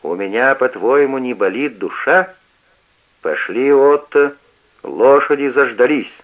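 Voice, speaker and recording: Guy reading as a harsh old dad barking orders, raised louder voice, dull old radio sound. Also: mid-range voice, animated, measured pace, pitched above the performer's own voice, close to an everyday voice. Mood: indignant. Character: stern, domineering old father, a cab owner.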